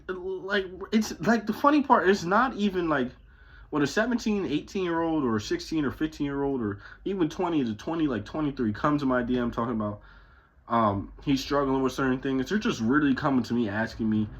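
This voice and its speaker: A man's voice: fairly high pitch, lively intonation, brisk, husky, lo-fi sound. A man in his twenties delivering a profane, confrontational motivational rant at home, swearing constantly. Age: 20s. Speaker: vlogger. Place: his parents' house.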